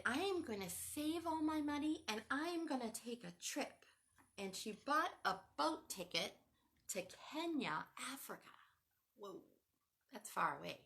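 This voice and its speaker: A woman with a high, slightly bright voice hosts a children's storytime. She reads a picture book aloud in a sing-song teacher voice and asks the children questions.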